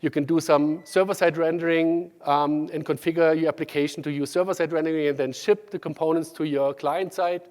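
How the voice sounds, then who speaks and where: A male conference speaker with a German accent delivers a technical talk in a slightly high voice, his tone steady and a little mellow. He halts often, saying um and restarting sentences, while a large hall's long reverb surrounds him.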